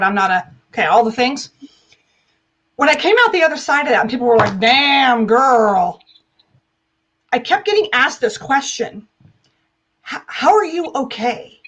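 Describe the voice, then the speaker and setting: A woman's voice: a little high, a bit bright, dull audio. An American woman telling personal stories as an interview guest, in an emphatic, irreverent way, often acting out dialogue. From United States. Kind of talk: animated personal storytelling in a live interview.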